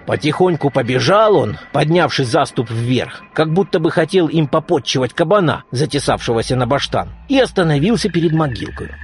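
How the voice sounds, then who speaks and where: A man reading a folk tale aloud in a dramatic, expressive way, acting out the cries of the creatures. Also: on the high side, a little fast, few pauses. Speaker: storyteller.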